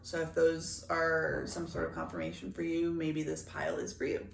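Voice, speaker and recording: A woman giving a casual tarot reading in a gentle, reflective way, with her morning voice. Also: sits low, moderate pace, gravelly, reverberant, a little hiss or hum. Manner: gentle, reflective, reads card meanings aloud. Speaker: tarot reader.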